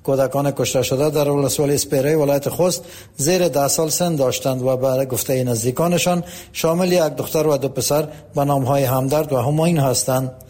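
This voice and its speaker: A man, narrating a scripted radio news report in an even, formal tone. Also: medium pitch.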